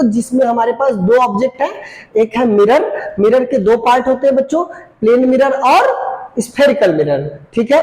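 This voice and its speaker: A man's voice: very high voice, darkish tone, reverberant, poor audio. A man teaching a physics lesson to children, asking questions and answering them himself, mixing English terms into his Hindi speech. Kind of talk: classroom lecture to children. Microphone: camera.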